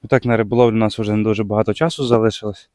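A man from Ukraine with a Bukovina accent, chatting casually as he fishes on the ice outdoors, breaking into excited exclamations when a fish bites. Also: fairly low pitch, very fast, dry recording, clean studio sound. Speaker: fishing vlogger. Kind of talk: casual commentary while ice fishing. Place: outdoors on a frozen lake.

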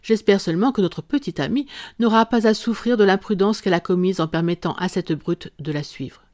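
A composed, dryly amused detective explains his reasoning at an even, unhurried pace, as an audiobook reader voices him. The voice sits in the middle range and sounds close and dry. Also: medium pitch, no room sound, natural voice. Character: calm, ironic male detective. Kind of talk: audiobook character reading.

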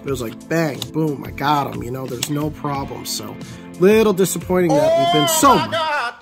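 A man casually commenting as he opens trading card packs, excitable and prone to swinging from glum to elated. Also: on the high side, moderate pace, gravelly, loud music behind the voice. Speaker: card unboxing vlogger.

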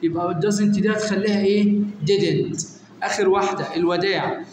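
High-voiced Egyptian teacher in an echoey room. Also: male voice, steady tone, normal speed, darkish tone. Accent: Egyptian Arabic. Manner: quizzes students by name, asks and answers his own questions. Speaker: English teacher. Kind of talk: exam revision lesson. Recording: echoey room with long reverb, faint noise.

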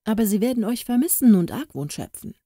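A woman voicing an upright gentleman passenger aboard a ship, earnest and indignant, in a storybook reading. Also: on the high side, lively intonation, brisk, no room sound, clean studio sound, voice pushed up.

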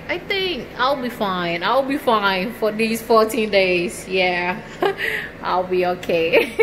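Holding her phone and staying out of frame, a service member vlogs a relaxed tour of her sparse little apartment indoors. She speaks slowly in a higher-pitched voice, chatting casually and laughing often between lines, with slight background noise.

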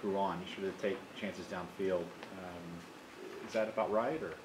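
A man's voice: low voice, steady tone, unhurried. A man, a sports reporter, asking casual questions at a press conference. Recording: echoey room with background noise.

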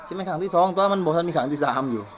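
A woman's voice: lowish voice, expressive, racing, slight background noise. A woman with an Isan accent in casual chat, asking questions in a teasing, informal way.

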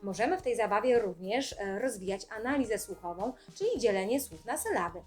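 A young adult woman speech therapist calmly explaining classroom games in an instructional video, speaking clearly with short pauses. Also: mid-range voice, soft background music.

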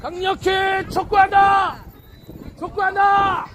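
A man giving a shouted protest speech outdoors on a street, calling out slogans in drawn-out phrases. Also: very high voice, fairly even intonation, a crowd in the background, noisy background.

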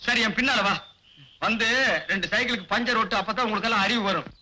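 A man's voice: high-pitched, fairly even intonation, fast talker, background noise, lightly acted. An actor playing a bossy, sarcastic village man who teases and insults the people around him. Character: bossy, mocking village man, middle-aged. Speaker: comic village loudmouth.

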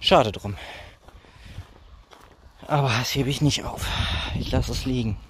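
A man's voice: medium pitch, unhurried. A man in his thirties talking casually and in a rambling way while walking along a roadside, as in a phone vlog. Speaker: vlogger. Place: outdoors on a village roadside. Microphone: phone held at arm's length. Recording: noisy outdoor roadside phone recording.

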